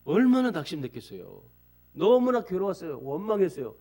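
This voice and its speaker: A male pastor preaching a Sunday sermon with a somewhat high voice. He pleads earnestly with his congregation and repeats his phrases. He tells stories as he goes. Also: big pitch swings, a little fast, dark tone.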